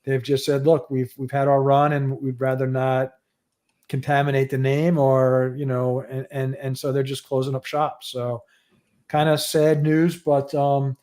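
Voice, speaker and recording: A man's voice: medium pitch, flat delivery, a little slow, darkish tone. A man hosting a livestream show, giving audio news in a loose, rambling casual chat.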